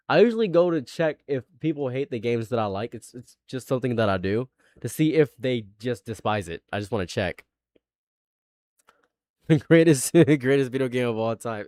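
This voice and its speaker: A man's voice: mid-range voice, a little mellow, clean tone, no room sound. Man in his late twenties, dry close sound. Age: late 20s. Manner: rambling and repetitive, laughing often. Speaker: live streamer. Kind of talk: casual live-stream chat.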